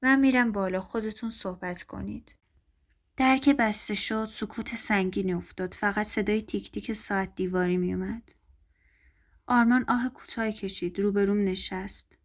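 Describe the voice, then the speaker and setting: Woman calmly narrating a first-person story. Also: mid-range voice.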